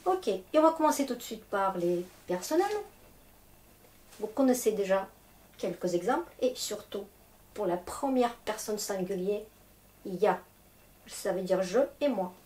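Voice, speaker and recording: A woman's voice: medium pitch, lively intonation, unhurried, pauses often, darkish tone. A woman teaching a language lesson in French, explaining patiently step by step. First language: Russian. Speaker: Russian teacher. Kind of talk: slow, clear language lesson.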